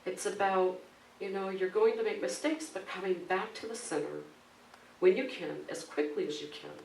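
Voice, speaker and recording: A man's voice: sits high, normal speed, vocal fry. A man, a minister, preaching a conversational sermon with storytelling, often asking the congregation questions. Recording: roomy hall from a distance, faint background noise.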